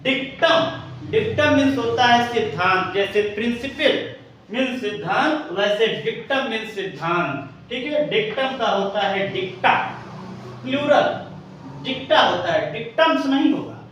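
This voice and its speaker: A male teacher explains grammar in a high, unhurried voice, stopping to spell out each word. He sounds set back from the microphone in a very echoey room with a faint hiss behind him. The effect is of a classroom lesson recorded from a distance. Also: animated, a bit bright. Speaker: English teacher. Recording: echoey room, voice from away from the mic, faint noise.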